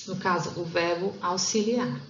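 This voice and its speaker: A Portuguese-speaking woman teaching an English grammar lesson over slides, explaining step by step and slowing down to read example sentences. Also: fairly low pitch, fairly even intonation, a little hiss or hum. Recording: roomy, dull lo-fi sound.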